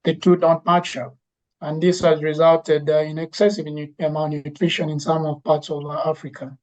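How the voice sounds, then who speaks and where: A woman lecturer gives a presentation in an even, level voice that rarely rises or falls. She hesitates often, filling pauses and restarting sentences. The recording sounds dull and lo-fi. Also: sits low. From Zambia. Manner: hesitant, many fillers and restarts. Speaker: university lecturer and legume breeder giving a talk. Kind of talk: conference presentation.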